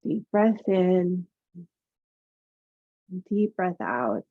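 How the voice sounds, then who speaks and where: A woman teaching yoga and meditation, guiding relaxation in a gentle, soothing murmur with pauses. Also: on the low side, very animated. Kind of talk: guided meditation instruction. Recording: phone-like narrow-band sound.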